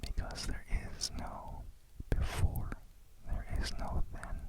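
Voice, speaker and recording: A person whispering ASMR affirmations and guided meditation in a reflective, deliberate way. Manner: slow, reflective, deliberate phrasing.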